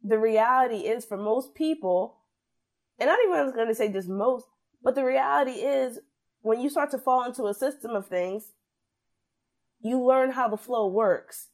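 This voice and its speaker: A young adult woman in casual podcast discussion, opinionated and animated, often acting out what others said. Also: fairly high pitch, moderate pace. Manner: animated, opinionated, acts out quoted voices.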